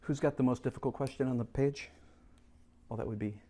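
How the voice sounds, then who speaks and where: A man's voice: medium pitch, a little fast, slight background noise. A man teaching a chemistry class, coaxing and teasing students as he goes over review problems. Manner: lively, teasing, coaxes students to answer. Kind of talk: classroom lesson.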